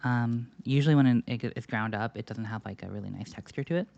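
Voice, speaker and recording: A woman's voice: a bass voice, fast, vocal fry, a little mellow. A woman chatting casually while cooking on a live stream, rambling with lots of fillers and jokes. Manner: rambling, filler-heavy, jokey. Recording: slightly dull lo-fi sound with faint music.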